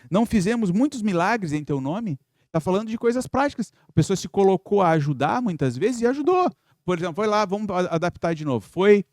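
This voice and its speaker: A man's voice: fairly high pitch, a little mellow, no room sound, clean studio sound. A man giving an earnest, reflective spiritist lecture, posing rhetorical questions to his audience. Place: spiritist center lecture hall.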